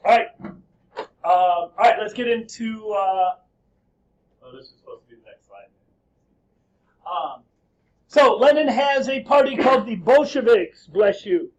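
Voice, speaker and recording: Male teacher, lively and joking, high voice, slightly muffled classroom recording with faint hiss. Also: a little slow, long pauses. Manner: lively, joking, quizzing students. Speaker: high school history teacher. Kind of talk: classroom lecture.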